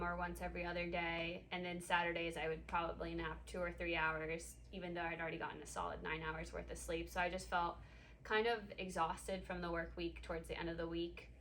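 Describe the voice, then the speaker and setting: A woman in her twenties from Ecuador, a patient talking casually in an interview and pausing often with um. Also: on the low side, little pitch movement, bright, forceful tone, a little hiss or hum. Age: 20s. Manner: hesitant, many ums. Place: clinic room.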